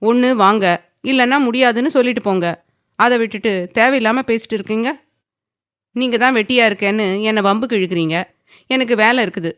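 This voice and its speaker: A woman voicing a timid yet defiant young woman who snaps back with sharp, indignant retorts. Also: on the high side, normal speed, dry recording, studio quality, voice pushed up, lightly acted.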